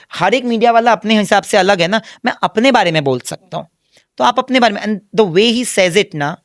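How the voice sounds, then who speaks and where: A young man answering interview questions candidly, in an animated, emphatic way, mixing Hindi and English and acting out remarks he quotes. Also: high-pitched, dry recording, studio quality. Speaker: reality show contestant as interview guest.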